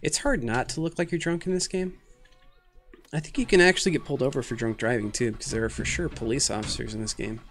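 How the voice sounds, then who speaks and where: A man of about thirty talks fast in a fairly bright, medium-pitched voice, with slight background noise. While streaming a game he rambles jokingly at his own expense to viewers, sleep-deprived, over-caffeinated and a little loopy.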